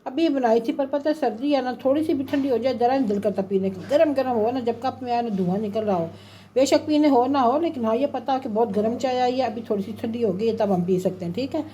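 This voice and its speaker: A woman's voice: fairly high pitch, quick pace, warm tone, a little hiss or hum. Chatty middle-aged woman with a sore throat. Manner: chatty, homely, with frequent religious phrases. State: sore throat, voice a little heavy. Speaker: cooking and home vlogger. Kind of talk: casual home vlog narration. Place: home kitchen and courtyard.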